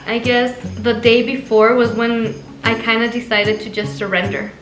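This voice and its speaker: A slightly high-voiced woman recounts a personal story earnestly and reflectively. The room is echoey, and soft music sits faintly underneath. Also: level tone, normal speed. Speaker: vlogger, wife. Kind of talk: casual storytelling to camera.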